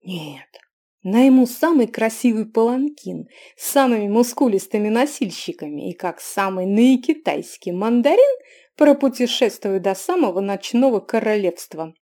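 A woman's voice: on the high side, animated, normal speed, warm tone. Woman doing a grumpy broke young guy, sarcastic, mutters to himself, scheming.

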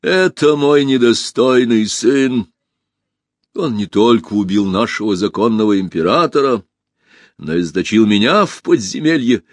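A man voicing a proud, wronged old empress in an audiobook, speaking slowly and solemnly. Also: mid-range voice, lively intonation, dry recording, studio quality, lightly acted. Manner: slow, solemn, commanding. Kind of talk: audiobook character voice.

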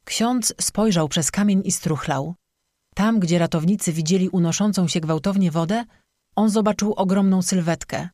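Audiobook narrator reading a legend, steady and measured, dry close mic. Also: medium pitch, dry recording. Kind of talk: scripted narration.

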